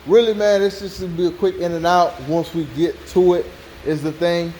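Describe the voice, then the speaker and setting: An American man talks casually to his viewers as host of a car-build vlog. His voice sits slightly high for a man. There is some fan noise behind him, as in a working garage. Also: steady tone, moderate pace, warm tone, rough recording. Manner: informal, repeats "you know what I'm saying". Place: hot car workshop with fan running.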